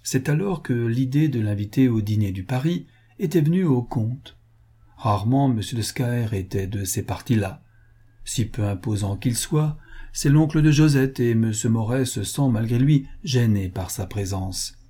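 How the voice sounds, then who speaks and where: Male audiobook narrator, mellow and husky, measured reading. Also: mid-range voice, lively intonation. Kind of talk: scripted narration.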